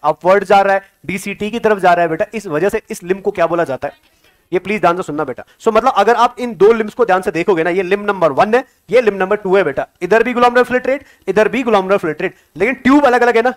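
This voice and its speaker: A man lectures on biology for exam prep in a high voice. He keeps quizzing his students, urging them on and praising quick answers, and he mixes Hindi with English terms. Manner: coaxing, calls students "beta", keeps asking questions. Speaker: biology teacher.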